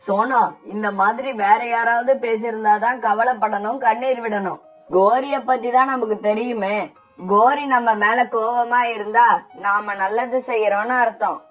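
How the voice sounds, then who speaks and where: A woman's voice: on the high side, steady tone, moderate pace, far from the mic, faint music behind, lightly acted. A woman doing a kind, wise female dove. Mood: consoling. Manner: gentle, reassuring.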